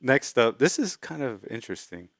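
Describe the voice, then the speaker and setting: A man's voice: mid-range voice, very animated, moderate pace, fairly bright tone, no room sound, clean studio sound. A man co-hosting a gaming podcast, chatting casually and reading news quotes aloud. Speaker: podcast co-host. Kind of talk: casual chat.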